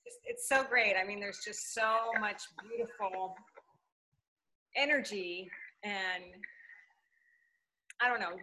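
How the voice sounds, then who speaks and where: A woman's voice: mid-range voice, background noise. A woman hosting a casual conversational interview in an effusive, gushing manner. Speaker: interview host.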